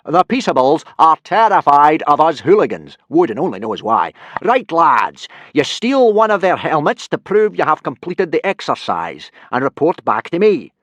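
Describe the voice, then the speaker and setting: A man voicing a booming, blustering Viking warrior who teaches boys, in a storybook reading. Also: sing-song, moderate pace, few pauses, no echo.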